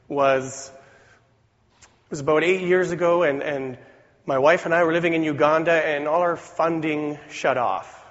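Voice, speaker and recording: A man with a voice weakened by a cold, preaching a sermon in an earnest, deliberate way with rhetorical questions. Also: a little high, fairly bright tone. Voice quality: weak voice from a cold. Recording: dull recording in reverberant hall.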